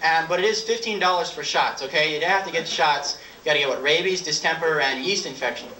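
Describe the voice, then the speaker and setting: A man in his twenties doing live stand-up comedy with props in a halting, offhand way. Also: on the high side, pushed and bright. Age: 20s. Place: small dark theatre stage with audience. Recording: roomy old videotape, distant, audience noise. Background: audience laughter and crowd noise.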